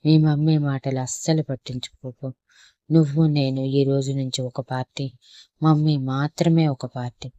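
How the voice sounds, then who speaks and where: A tender, stubborn young father voiced by a woman storyteller who coaxes and soothes. She keeps the reading level and even, with a dry close sound. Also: rumbling low, moderate pace, no echo, lo-fi sound. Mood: playful. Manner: coaxing, soothing.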